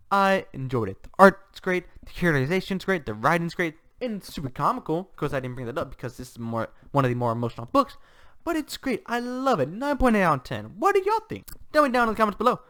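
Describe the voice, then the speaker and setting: A young man giving an enthusiastic, animated casual book review, gushing as he talks. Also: a little high.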